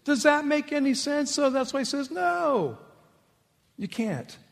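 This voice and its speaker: A man preaching a sermon as pastor, emphatic, swinging between loud rhetorical questions and quiet asides. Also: very high-pitched, normal speed, long reverb tail.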